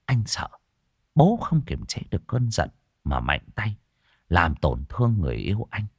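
Animated male audiobook storyteller. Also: fairly low pitch, normal speed, slightly rough, dry recording, studio quality. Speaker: audiobook narrator. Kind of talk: storytelling narration.

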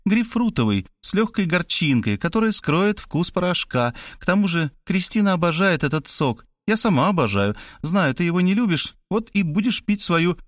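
A male reader voicing a bossy, scheming woman who gives brisk, imperious orders. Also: sits high, sing-song, a bit bright, no room sound, studio quality, pitched above the performer's own voice. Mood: commanding.

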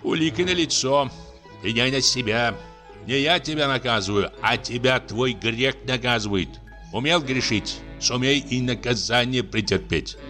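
A man voicing a pompous, sanctimonious landowner gentleman who scolds in a high, drawn-out tenor. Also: faint music behind, natural voice. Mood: stern.

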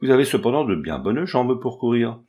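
Madame Croquemitaine, a man doing a gruff old ragpicker. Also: medium pitch, sing-song, a little fast, dull audio, close to an everyday voice. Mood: gruff, coaxing. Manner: brusque scolding that softens into kindness. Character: poor old female ragpicker, gruff yet kind.

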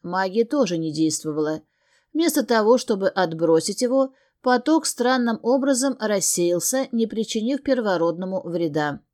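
A woman's voice: medium pitch, lively intonation, moderate pace, darkish tone. A woman reading a first-person fantasy novel aloud, earnest and emotional. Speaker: audiobook narrator.

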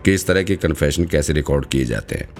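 A male narrator voicing a sharp-minded young woman investigator who probes and reasons aloud in an audiobook. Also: extremely low pitch, fast, faint music behind. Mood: analytical.

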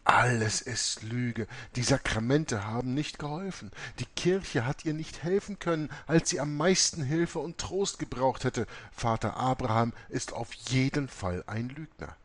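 A man's voice: mid-range voice, unhurried, few pauses, lightly acted. A man reading aloud voices an earnest young seminarian speaking anxiously to his superiors. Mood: bitter. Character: young male priest-student, anxious then doubting.

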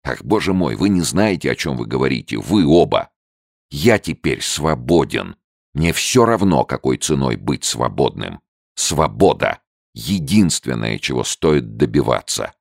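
A man voicing a stubborn young male soldier who speaks sharply and excitedly, his voice cracking at times. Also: extremely low pitch, unhurried, vocal fry, no echo, studio quality, heavily acted. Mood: bitter. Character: tense bitter young male deserter, stubborn.

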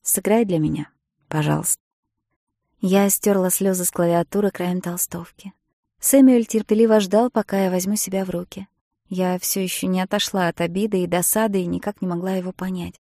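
A woman reading an audiobook in the first person, expressive, moving between hushed and loud passages, close to the mic. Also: fairly low pitch, brisk, no echo. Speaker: audiobook narrator. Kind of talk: scripted narration.

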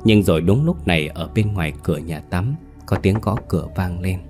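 A man narrating a horror story in a steady, measured storytelling voice. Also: low voice, faint music behind.

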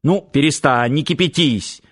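A man reading an audiobook, voicing a gruff, caring grey-bearded grandfather who grumbles unhurriedly. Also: mid-range voice, normal speed, a bit bright. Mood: grumbling.

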